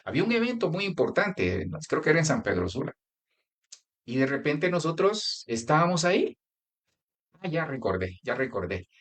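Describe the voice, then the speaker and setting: Male pastor, Colombian accent, conversational sermon delivery, animated swooping intonation. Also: fairly high pitch, moderate pace. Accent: Colombian Spanish. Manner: conversational preaching with anecdotes and direct address.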